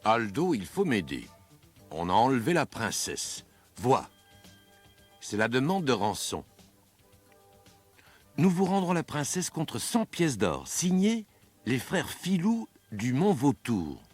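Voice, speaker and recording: A man voicing a worried king in a low, pleading storybook voice. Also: wildly swooping pitch, slow, pauses often, breathy edge, faint music behind, exaggerated voice.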